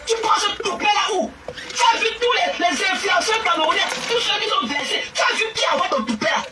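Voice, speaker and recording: A woman scolding and mocking someone in an angry, shouting rant, often stammering and repeating herself. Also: extremely high pitch, animated, fast talker, music in the background. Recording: distant mic with loud background noise.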